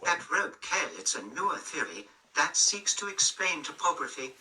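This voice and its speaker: A text-to-speech robot voice of a man with a Spanish accent. It sounds sharp, bright and slightly high, and it reads every line in the same stiff, even way. It plays through speakers some distance from the mic. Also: moderate pace. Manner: stiff, evenly paced machine reading. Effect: synthetic text-to-speech robot voice.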